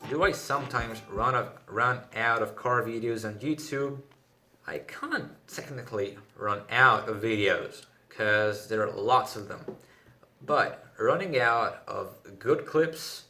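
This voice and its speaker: A Greek car channel host with a bright, forceful, medium-pitched voice reads out questions in a casual vlog. He answers each briefly and matter-of-factly in his Greek accent while music plays in the background.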